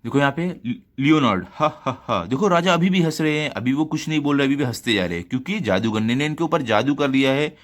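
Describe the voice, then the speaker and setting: A man teaching a children's lesson in Hindi. He reads each line of the story slowly. Then he explains it word by word for young pupils. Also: mid-range voice, animated.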